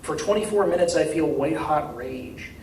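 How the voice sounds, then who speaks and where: This author reading from his novel has a fairly high voice that's animated, creaky and a little mellow, though his pace stays measured and deliberate. The live university reading is dramatic first-person narration, captured from afar in an echoey room with faint noise.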